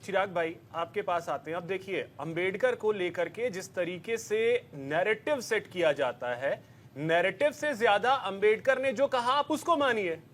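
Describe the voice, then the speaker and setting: A man's voice: sits high, measured pace. A man anchoring a televised panel debate, steering speakers and pressing his own question.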